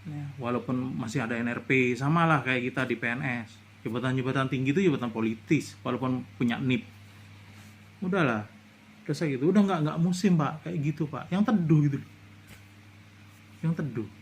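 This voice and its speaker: A man's voice: mid-range voice, a little fast, a little hiss or hum. A middle-aged man from Indonesia giving a casual commentary monologue, indignant and lecturing, his voice rising into outbursts. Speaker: vlogger.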